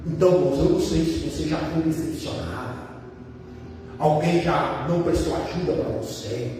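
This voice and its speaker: A man preaching a sermon with passion, calling his listeners brothers and breaking into high cries when he quotes others. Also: moderate pace, mellow, slight background noise. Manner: impassioned, rising to high cries when quoting Jesus and the father; addresses listeners as brothers, repeats words. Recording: echoey hall, voice from a distance.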